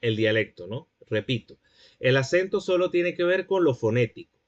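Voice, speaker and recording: A man's voice: medium pitch, lively intonation, normal speed, lo-fi sound. A man giving a classroom lecture, explaining points and checking that students follow.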